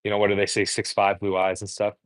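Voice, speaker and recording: Speaking quickly in a lowish, completely flat voice, a Korean-born, US-raised dating coach host cooks on a livestream and talks frankly. His talk meanders, packed with fillers and restarts, and the recording is dry.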